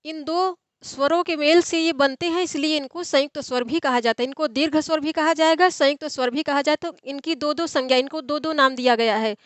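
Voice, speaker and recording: A young adult woman tutors for an exam in an online lecture, her high voice moving fairly quickly on a dry recording. She explains things step by step and answers her own questions.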